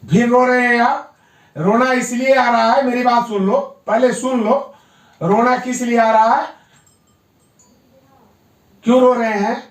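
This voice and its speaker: A man's voice: very high voice, steady tone, a little slow, pauses often. A man working as a yoga therapist, firmly coaxing a patient at home and repeating his encouragement. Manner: firm, coaxing, repeats himself. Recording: echoey room, mic at a distance.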